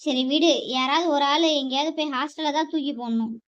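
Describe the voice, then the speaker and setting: A young woman voicing a worried mother who questions her grown son in slow, probing tones. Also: sits high, close to an everyday voice. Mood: concerned, questioning. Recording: dull lo-fi recording.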